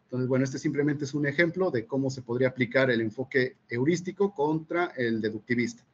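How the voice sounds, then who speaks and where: A man, a physics teacher presenting at a seminar, measured and full of fillers and checking questions. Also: mid-range voice, breathy edge, highs cut off. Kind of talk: explanatory academic presentation.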